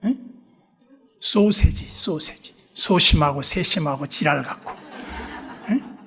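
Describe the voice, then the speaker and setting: A man preaching a revival sermon in a church, telling stories animatedly and acting out both sides of dialogues, dropping to hushed asides. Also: fairly high pitch, takes it slowly, creaky, breathy edge. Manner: drops to hushed whispers for asides. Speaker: pastor. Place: church sanctuary.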